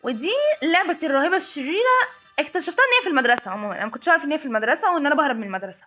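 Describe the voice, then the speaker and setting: An excitable woman with an Egyptian accent plays a horror game and talks through every scare. Her voice sits high and her words tumble out very fast. She sounds jumpy and breathless with nerves. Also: soft background music. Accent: Egyptian Arabic. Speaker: gaming channel host. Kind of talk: horror game let's-play commentary.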